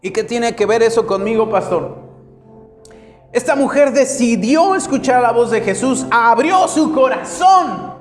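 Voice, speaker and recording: A male pastor preaching a sermon in a roomy, echoing church, with soft music faintly behind him. His voice sits at a middle pitch, and his delivery swings from quick, raised bursts to hushed, drawn-out lines. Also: animated. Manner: dramatic preaching with wide swings in loudness and pace.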